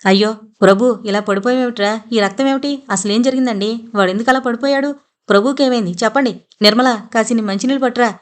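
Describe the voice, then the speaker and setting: Frantic wailing mother, high and urgent, read by a woman narrator. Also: quick pace, natural voice. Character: anguished middle-aged mother, frantic.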